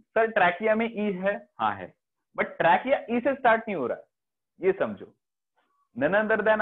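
A man with an Indian accent teaching a biology class online, mixing Hindi and English and often checking that students follow. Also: a little high. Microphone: video call. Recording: phone-like online class audio.

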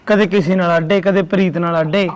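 A man's voice: high voice, fairly even intonation, brisk, close to an everyday voice. A man playing a son who complains about his mother's behaviour. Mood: indignant. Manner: agitated, complaining. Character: indignant young son, annoyed with his mother. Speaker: son in a comedy sketch. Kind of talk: comic village drama.

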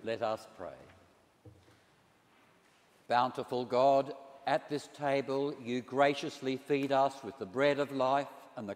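A man leading liturgical prayer as a priest, in a slow, measured and solemn intoning manner, his voice ringing with cathedral echo in a large church. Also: mid-range voice.

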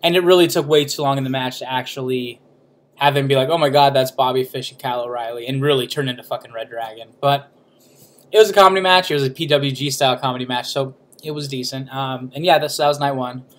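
A man's voice: mid-range voice, fast talker, a bit bright. A man co-hosting a podcast in casual chat, rambling and swearing, restarting often. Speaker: podcast co-host.

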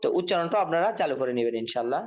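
A man's voice: on the high side, animated, darkish tone, lo-fi sound. A man teaching an online Quran reading class, patiently spelling out letters and their endings. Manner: patient, repeats drills slowly. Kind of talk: online Arabic letter lesson.

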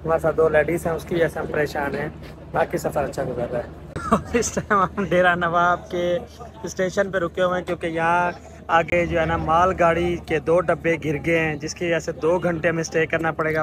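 A man's voice: fairly high pitch, flat delivery, moderate pace, noisy background. A man with a Pakistani Urdu accent, chatting casually as he vlogs a train trip from a station platform and carriage. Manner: chatty, teasing, narrates as he films. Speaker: vlogger. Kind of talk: casual travel vlog.

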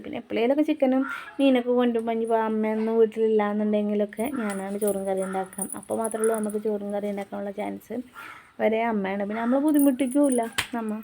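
A woman's voice: medium pitch, warm tone, a little hiss or hum. A young woman, chatting homely voice-over narration for her family vlog and addressing viewers directly. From Kerala, India. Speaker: family vlogger.

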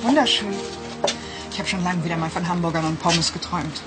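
Brief: an actress as an amused, sharp-tongued woman. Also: lowish voice, brisk, loud music behind the voice, natural voice. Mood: ironic. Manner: ironic, amused.

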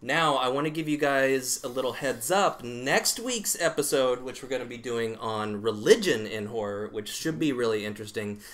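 A man co-hosting a horror podcast, chatting casually with deadpan jokes. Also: medium pitch, normal speed, hardly any pauses, background noise. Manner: jokey, deadpan banter. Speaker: podcast co-host. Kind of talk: casual comedic chat.

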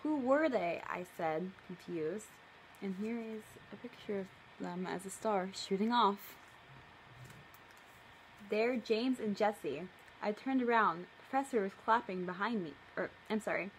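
A young adult woman, a video creator, casually reads her own story aloud on camera in her living room, pausing for playful, mock-indignant asides. Her medium-pitched voice moves at a measured pace, and the poor audio carries a little hiss or hum.

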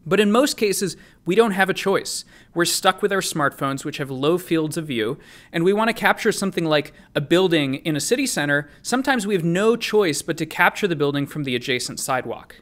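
A man's voice: a little high, animated, brisk, a bit bright. A young man presenting his research paper in a recorded conference talk, explaining step by step and answering his own questions.

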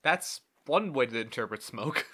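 A man's voice: mid-range voice, lively intonation, moderate pace, sharp tone, slightly rough. A man hosting a gameplay video with joking, sarcastic commentary, mock exasperation and exaggerated, overacted exclamations.

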